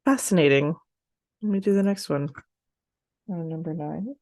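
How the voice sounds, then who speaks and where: A native English-speaking woman hosts a language practice session, casually studying aloud, talking to herself and repeating syllables as she sounds them out. Her voice is lowish and darkish, at a moderate pace, recorded cleanly in a studio with no echo.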